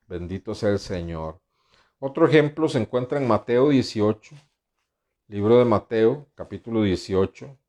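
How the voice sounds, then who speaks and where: A man's voice: on the low side, animated, moderate pace, darkish tone. Man preaching a sermon. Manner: tags questions with "¿verdad?" and addresses listeners as brothers; reads scripture aloud and comments between verses. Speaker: pastor.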